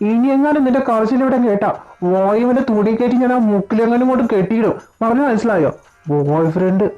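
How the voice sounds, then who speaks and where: A woman's voice: fairly high pitch, fast talker, mellow, natural voice. A woman voicing a short-tempered, blustering father. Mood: scolding. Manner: scolding, threatening. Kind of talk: amateur audio drama dub. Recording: dull lo-fi recording with faint music.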